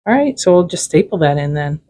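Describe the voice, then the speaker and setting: A woman's voice: fairly low pitch, sing-song, a little fast, mellow, rough recording. Chatty woman hosting a fix-up vlog. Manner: chatty, joking, laughs easily. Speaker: vlog host. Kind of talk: casual project vlog narration.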